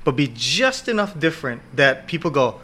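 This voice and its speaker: A man's voice: fairly high pitch, sing-song, normal speed, sharp tone. A man co-hosting a podcast, eagerly explaining the history of science fiction TV shows. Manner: enthusiastic fan explaining at length. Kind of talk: casual chat.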